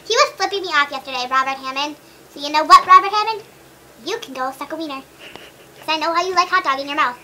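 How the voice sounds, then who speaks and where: High-voiced joking girl, noisy camera audio. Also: quick pace, bright, forceful tone. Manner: joking, teasing, giggly. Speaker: vlogger. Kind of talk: casual silly chat with a friend. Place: a house, indoors. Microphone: camera mic. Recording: noisy home camera recording.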